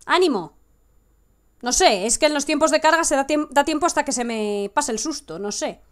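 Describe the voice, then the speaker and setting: A young woman with a Spanish accent giving excitable live gameplay commentary, swinging from hushed coaxing to sudden shrieks. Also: high-pitched, moderate pace. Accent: Spain Spanish. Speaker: gaming streamer.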